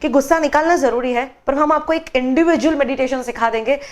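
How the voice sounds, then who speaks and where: Speaking high-pitched and fairly quick, a woman guest on a studio TV show describes the meditation workshops she trains people in. She also tells a story with plenty of expression, voicing each character herself.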